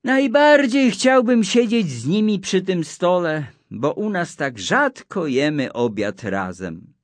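A man's voice: sits high, big pitch swings, slow pace, dry recording, pitched above the performer's own voice, full character voice. Man doing Kuba, a curious young boy. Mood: wondering.

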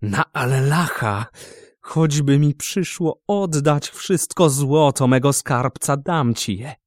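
Stern sultan, man doing the voice, slow commanding lines, audiobook, dry close sound. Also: a little high, dry recording, voice pushed up. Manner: hard, measured, commanding. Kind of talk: audiobook reading.

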